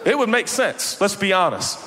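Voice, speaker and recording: Man pastor, sermon, bright and lively delivery, shouts then hushes, echoing hall. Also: normal speed, a faint crowd. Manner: animated, swinging from shouts to hushed lows. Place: church sanctuary.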